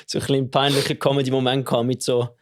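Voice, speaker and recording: A man with a Swiss German accent co-hosting a podcast, telling slangy, animated stories with frequent "Alter". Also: mid-range voice, fast talker. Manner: animated, slangy storyteller, says "Alter" a lot. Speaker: podcast co-host. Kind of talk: casual podcast chat.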